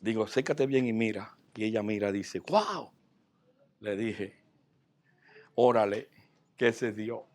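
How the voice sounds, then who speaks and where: A man, a pastor, telling a personal story in a sermon, swinging from soft asides to loud, excited outbursts. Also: lowish voice, measured pace, pauses often.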